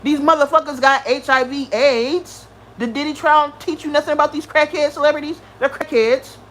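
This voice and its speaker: High-voiced woman ranting on a livestream. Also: moderate pace, poor audio. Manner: profane, animated, greets chat viewers. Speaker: livestream host.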